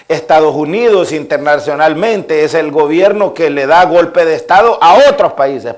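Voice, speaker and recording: This is a Salvadoran pastor in his fifties, preaching a sermon in a Salvadoran Spanish accent. His fairly high-pitched voice moves in a repetitive, list-like cadence, punctuated by frequent amens.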